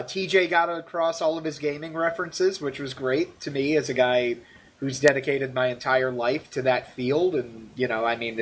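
An American man co-hosting a casual podcast, talking excitedly with stammered restarts and frequent laughter. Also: medium pitch, a little hiss or hum. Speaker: podcast co-host. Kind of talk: casual wrestling recap chat.

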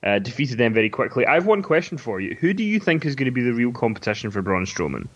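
A man with a Scottish accent, co-hosting a casual podcast chat, telling stories in a relaxed way with hesitant restarts. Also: medium pitch, fast talker, muffled recording. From Scotland. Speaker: podcast co-host. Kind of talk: casual wrestling recap chat.

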